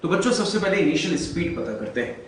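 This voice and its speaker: A man's voice: on the high side, sing-song, fast. Echoey distant male physics teacher. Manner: addresses students as children, asks and answers his own questions. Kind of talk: classroom lecture. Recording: very echoey room, far from the mic, faint noise.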